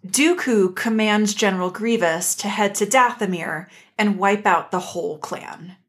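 A woman co-hosting a podcast gives an enthusiastic, casual story recap in a playful, slangy way. Her voice is medium-pitched and a little slow.

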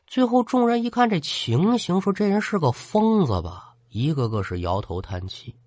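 A man telling a ghost folk tale in an animated, colloquial way, speaking straight to the listener. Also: high voice, normal speed, dry recording, studio quality. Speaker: storyteller. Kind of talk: spoken folk-tale storytelling for a ghost-story podcast.

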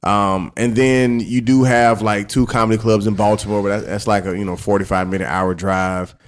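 A man's voice: lowish voice, fairly even intonation, normal speed. A man, a stand-up comic in a casual podcast chat, talking right into a cheap mic so his voice comes out fuzzy and distorted. He rambles loosely and trails off and restarts phrases. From Washington DC area. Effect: fuzzy, distorted sound from a cheap mic held right at the mouth. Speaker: stand-up comedian guest. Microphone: cheap handheld mic pressed against the mouth.

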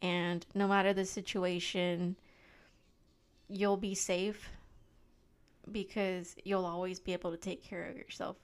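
A woman's voice: on the low side, level tone, unhurried, pauses often, smooth. A woman co-hosting a podcast, speaking earnestly and reassuringly in casual chat. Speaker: podcast co-host.

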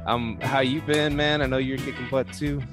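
A man's voice: medium pitch, steady tone, normal speed, over music. A man co-hosting a podcast, talking upbeat and joking as he introduces a guest. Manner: upbeat and joking, laughs easily. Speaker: podcast co-host. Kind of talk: casual podcast chat.

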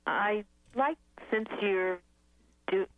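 A woman in her fifties calling in to a radio show, speaking with hesitant, halting phrasing over a clipped phone line. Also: medium pitch, no room sound. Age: 50s. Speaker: caller. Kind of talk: call-in radio chat.

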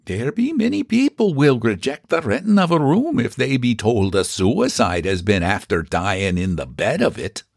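A gossipy old housekeeper woman with a thick Irish accent and a husky, admiring voice, as a man puts her on. She is pitched well above her reader's own voice and leans in eagerly. The sound is dry and close. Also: sing-song, normal speed, few pauses, no room sound.

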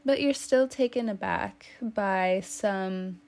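A woman's voice: medium pitch, takes it slowly, darkish tone. A woman giving a casual tarot reading, chatty and teasing, with lots of fillers. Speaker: tarot reader.

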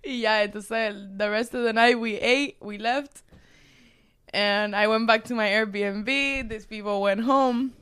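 A young woman telling a story in casual chat, animated and switching into English. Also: on the high side, takes it slowly, clean tone. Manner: animated, mixes English into Spanish.

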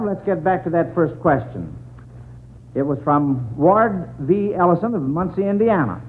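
An American man hosting a 1940s radio quiz, reading questions in folksy schoolmaster patter on a tinny, noisy old broadcast. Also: fairly high pitch. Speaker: quiz show host.

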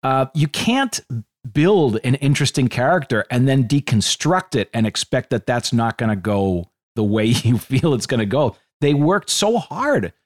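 A man's voice: mid-range voice, lively intonation, a little slow. A man co-hosting a podcast, talking in an opinionated, analytical way in casual chat. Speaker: podcast co-host.

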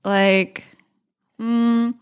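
A woman's voice: on the high side, flat delivery, extremely slow, clean tone. A woman with a mixed Thai-English accent chats casually as a solo podcast host, candid and informal in a rambling way. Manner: candid, informal, rambling, with frequent slang and mild swearing.

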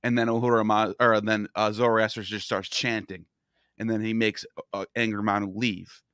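A man's voice: fairly low pitch, flat delivery, normal speed, a bit bright, clean tone, dry recording, studio quality. A man hosting a podcast, eager and interjecting, breaking in to tie points together. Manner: eager, interjecting, cuts in with connections. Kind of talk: conversational podcast discussion.

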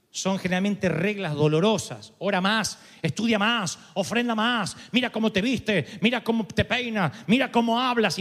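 A male pastor preaches a sermon in an unusually high voice. He drives his points home emphatically, stacking phrase after phrase. The sound carries a long hall reverb. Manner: emphatic, builds through repeated lists.

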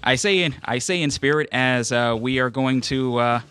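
Male radio host, natural unscripted delivery, informal and loose, crisp bright edge, faint music bed underneath. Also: mid-range voice, moderate pace. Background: background music.

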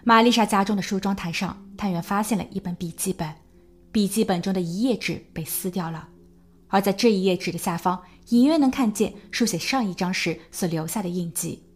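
A woman narrating a true crime podcast in a measured storytelling voice, building suspense as she goes. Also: medium pitch, a little mellow, breathy edge. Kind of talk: scripted narration.

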